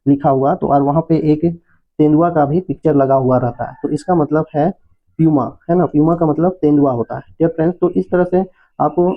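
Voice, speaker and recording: A man hosting an English lesson for beginners, explaining spelling and pronunciation patiently and repeating checks with his listeners. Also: on the high side. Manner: patient, repetitive explaining with frequent "है ना". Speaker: English teacher, channel host. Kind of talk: Hindi-language English lesson. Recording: tinny phone-like audio.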